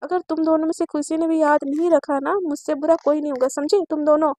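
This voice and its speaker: A woman's voice: sits high, steady tone, fast talker, darkish tone, no room sound, lightly acted. Woman voicing a stern young teacher. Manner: strict, scolding.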